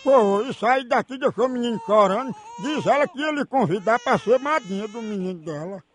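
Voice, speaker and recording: A man puts on a fretful neighbor on a prank phone call, voice pitched up very high. He pleads helplessly and keeps hushing an imagined baby. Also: animated, normal speed, a little hiss or hum. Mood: flustered. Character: fretful male neighbor minding a crying baby. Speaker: prank caller.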